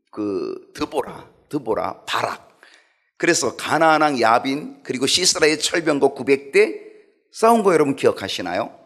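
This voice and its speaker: A middle-aged male pastor preaching a sermon in an animated way, asking the congregation questions. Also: a little high.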